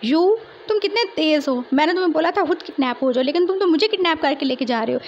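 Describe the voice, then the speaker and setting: Whiny, rambling man-child played by a woman, high voice, faint noise behind. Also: expressive, quick pace, highs cut off. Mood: indignant. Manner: rambling, complaining, tearful. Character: childish chatty tall young man, whiny. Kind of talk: fan fiction storytelling.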